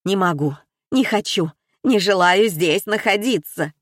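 A woman voicing a frightened young man who shouts in panic. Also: medium pitch, measured pace, no echo, studio quality, close to an everyday voice.

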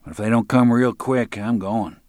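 A man's voice: medium pitch, steady tone, normal speed, a little mellow, dry recording, clean studio sound, pitched above the performer's own voice, natural voice. A man voicing a crude, boastful middle-aged swamp guide with a drawl and profane talk.

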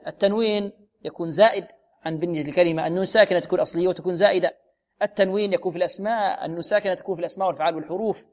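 High-voiced man teaching Quran recitation. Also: steady tone. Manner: explains and drills pronunciation, asks questions then answers them; slow, drawn-out recitation of examples. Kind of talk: tajweed lesson with recited examples.

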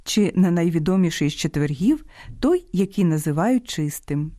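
Lively, warm-toned woman radio host. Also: on the low side, moderate pace, dry recording, studio quality. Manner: didactic, lively emphasis on quoted words. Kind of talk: scripted radio talk.

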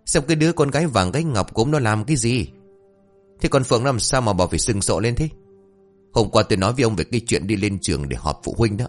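A man voicing a nagging middle-aged wife. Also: fairly low pitch. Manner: nagging, sharp. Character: irritable middle-aged woman, scolding wife.

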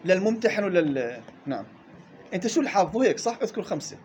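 Brisk high-voiced teacher. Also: male voice, big pitch swings, a little mellow, slight background noise. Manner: lists reading variants briskly, drawing out recited words slowly. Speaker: Quran recitation teacher. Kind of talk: classroom tajweed lesson.

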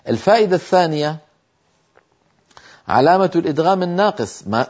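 A man teaching Quran recitation in a televised lesson. He explains patiently, slows down to demonstrate pronunciations, and answers his own questions. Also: a little high, a little mellow, muffled recording. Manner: poses rhetorical questions and answers them.

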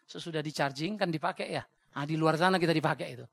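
A man with a Batak accent preaches a sermon in a blunt, joking and animated way. His voice sits high and sounds gravelly and bright. The sound is dry and close. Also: fast, dry recording. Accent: Batak Indonesian. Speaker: pastor.

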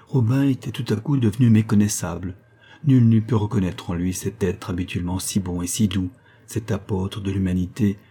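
This audiobook narrator, a man, works through a classic novel at an even, measured storytelling pace. His lowish voice has a breathy edge to it.

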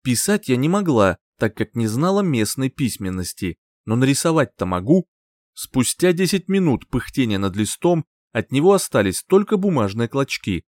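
A man reading an audiobook in first person, expressive and lively, close to the mic. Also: medium pitch, normal speed, no echo. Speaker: audiobook reader. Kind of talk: scripted narration.

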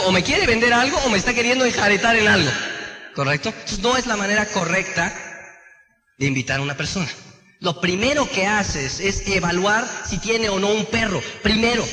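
High-voiced man teaching in an echoey hall. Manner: animated, asks the audience rhetorical questions. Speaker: network marketing trainer. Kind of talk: motivational sales training talk. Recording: echoey hall with long reverb.

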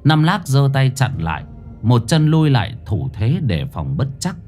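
Lively male horror storyteller. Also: mid-range voice, measured pace. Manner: dramatic, expressive. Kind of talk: scripted horror story narration. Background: faint music.

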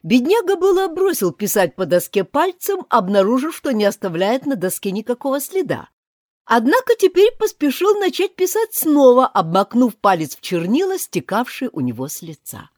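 A woman narrating an audiobook fairy tale in an expressive storybook manner. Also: normal speed, no echo, clean studio sound. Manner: highly expressive, animated.

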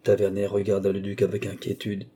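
An audiobook narrator reads a classic novel as scripted narration, in a measured, even storytelling manner. His voice is fairly low with a breathy edge.

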